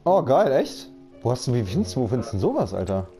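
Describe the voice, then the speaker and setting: A man does casual Let's Play commentary, chatting in a laid-back, slangy way and frequently saying "Alter." His mid-pitched, mellow voice moves quickly and swings widely in pitch. Faint music plays in the background.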